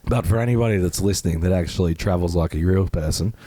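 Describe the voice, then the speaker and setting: Hoarse, grating low-voiced man. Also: fast, mellow, no echo. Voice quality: grating, rough. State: hoarse, strained voice from losing it. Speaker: podcast co-host. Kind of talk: casual chat.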